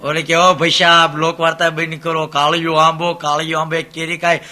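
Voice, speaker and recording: A man's voice: fairly high pitch, monotone, a little fast, sharp tone, faint music behind. A man with a Saurashtra Gujarati accent telling comic folk stories on stage, repeating his phrases in a storytelling rhythm and quoting the characters' dialogue. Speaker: folk storyteller and dayro performer.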